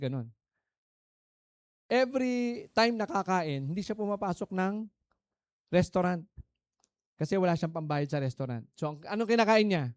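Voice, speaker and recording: Filipino pastor preaching, dry and close. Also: male voice, sits high, clean tone, dry recording. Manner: preaching in Tagalog mixed with English, swinging between soft and emphatic; calls out to the congregation for answers, storytelling. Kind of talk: sermon.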